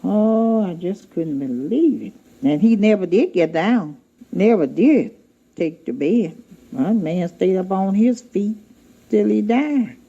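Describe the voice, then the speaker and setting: A woman's voice: medium pitch, lively intonation, takes it slowly, warm tone, breathy edge. An older woman telling a heartfelt, rambling family story in a casual way, acting out what people said. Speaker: interviewee recounting family memories. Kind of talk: casual spoken recollection. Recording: dull lo-fi archival recording.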